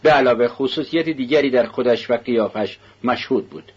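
A man narrating a novel aloud in a slow, measured reading voice. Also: mid-range voice, breathy edge, muffled recording. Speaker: audiobook narrator. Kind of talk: scripted narration.

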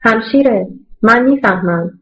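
A woman reading an audiobook voices a kind, earnest man who runs an orphanage, speaking in a gentle, reassuring way. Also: fairly high pitch, dull audio, lightly acted. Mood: consoling. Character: kind middle-aged male orphanage director, earnest.

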